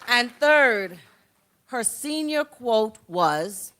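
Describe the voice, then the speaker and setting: A woman's voice: a little high, lively intonation, extremely slow, fairly bright tone, a faint crowd. A middle-aged woman, a graduate's mother, introducing speakers at a graduation ceremony with playful, joking asides.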